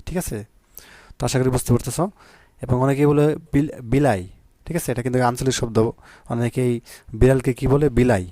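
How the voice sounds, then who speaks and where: A man's voice: mid-range voice, mellow, no echo, clean studio sound. A man from Bangladesh teaching an exam-prep lesson, explaining patiently and often checking that his students follow. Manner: explains patiently, often asks "ঠিক আছে?"; slow, measured reciting of poem and story.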